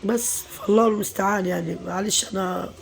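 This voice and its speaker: Egyptian woman, middle-aged mother, quick talk, weary venting, pious phrases, faint room noise. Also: medium pitch, fairly even intonation, creaky. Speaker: mother and home vlogger. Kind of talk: casual confiding vlog talk.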